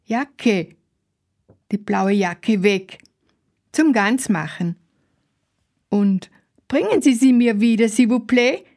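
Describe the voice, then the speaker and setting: A woman's voice: fairly high pitch, expressive, darkish tone. A woman reading a first-person literary text as a fussy, proud elderly lady in a care home who repeats herself insistently. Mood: fretful. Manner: repetitive, insistent, slow.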